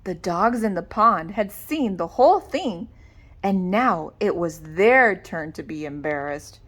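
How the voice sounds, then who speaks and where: A woman reading a children's story aloud with dramatic, deliberate expression. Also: fairly low pitch, animated, fairly bright tone, slight background noise. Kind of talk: animated read-aloud narration.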